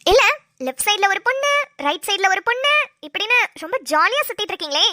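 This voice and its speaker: A woman's voice: very high-pitched, animated, fast, sharp tone, exaggerated voice. A woman voicing a mischievous, bossy young cartoon woman who teases and schemes. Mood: scheming. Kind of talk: cartoon voice acting.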